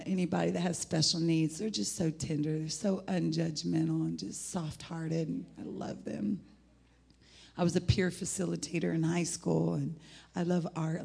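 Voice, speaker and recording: Here a husky-voiced, middle-aged American woman from Indianapolis, Indiana, gives a loose sermon full of personal testimony. Speaking at a fairly low pitch, she rambles in a lively, folksy manner, bursting into laughs and exclamations.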